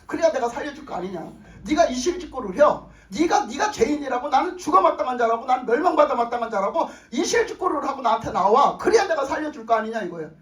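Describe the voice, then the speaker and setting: Emphatic pastor, sermon, lively pitch, repeats lines, roomy church echo. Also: quick pace, few pauses. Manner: emphatic, repeats phrases, asks the congregation questions. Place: church sanctuary with congregation. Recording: roomy echo, voice far from mic.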